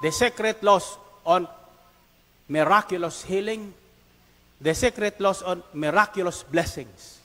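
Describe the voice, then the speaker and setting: A male preacher works the congregation with emphatic, call-and-response preaching. His voice sits high for a man, and it rings through a large hall with long reverb. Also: takes it slowly, pushed and bright.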